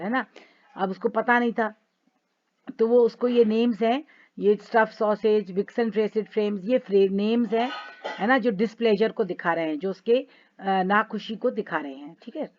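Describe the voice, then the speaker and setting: A woman teacher reads each English line of a play slowly and with feeling, then unpacks it in plain conversational Hindi for her students. Her voice sits at an ordinary middle pitch. The recording is dull and a little lo-fi. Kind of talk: Hindi-English literature lesson, reading and explaining a play.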